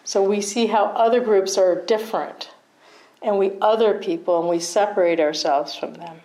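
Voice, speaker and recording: A woman's voice: medium pitch, fairly even intonation, normal speed, mellow, low-quality recording. A middle-aged woman gives a dharma talk in a mid-range voice. She talks to her listeners conversationally, checks in with them often and laughs easily at herself. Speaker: meditation teacher.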